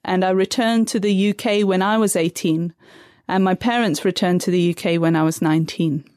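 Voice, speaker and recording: Woman guest expert, methodical and calm, dry close recording. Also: on the low side, normal speed, dry recording. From Tanzania. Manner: calm, methodical, defines terms step by step. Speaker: guest expert on third culture kids. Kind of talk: measured explanatory interview answers.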